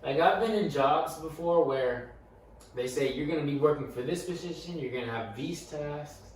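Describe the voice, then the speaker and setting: A young man co-hosts a casual podcast, animatedly telling a story while stuttering and repeating words. His voice is fairly high with a darkish tone and a normal pace. The room is echoey, the mic is far away, and there's faint background noise.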